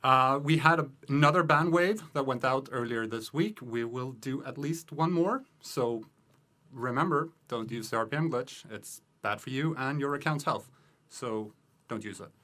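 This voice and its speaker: A man reading out game news quickly, hurried and a bit out of breath. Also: medium pitch, bright, forceful tone. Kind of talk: rapid news update.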